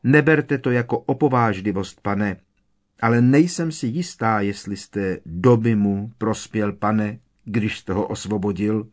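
A man voicing a tiny, servile female house-elf with a squeaky, trembling voice, reading a storybook. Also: a little mellow, close to an everyday voice. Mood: worried. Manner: fearful, deferential, keeps saying sir.

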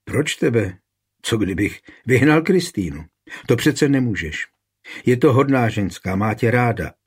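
A man's voice: medium pitch, expressive, husky. A man voicing Vilemína, a humble widowed daughter. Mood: pleading.

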